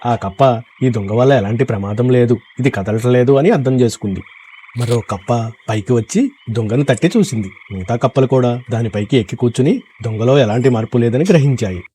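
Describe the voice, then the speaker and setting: A man narrating a children's moral story in an even, measured storytelling manner. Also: mid-range voice, a little hiss or hum.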